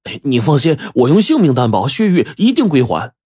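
A man's voice: medium pitch, big pitch swings, a little fast, warm tone, slightly rough, dry recording, studio quality, pitched above the performer's own voice. Man voicing an earnest, pleading young worker.

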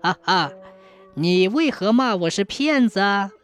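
A woman voicing a calm, wry male god who speaks slowly with low chuckles. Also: soft background music, close to an everyday voice. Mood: amused. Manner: slow, low chuckling delivery.

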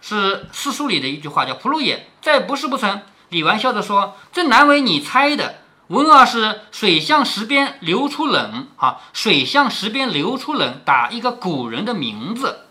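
A man's voice: high voice, sing-song, moderate pace, few pauses, pushed and bright. A middle-aged man reading a classic novel aloud and stopping to explain it in plain talk, often asking "right?". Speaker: storyteller reading a classic novel to his daughter.

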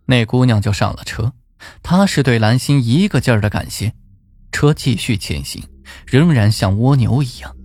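A man narrating a folk ghost story in an expressive, suspenseful way. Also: mid-range voice, normal speed, dry recording. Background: faint music.

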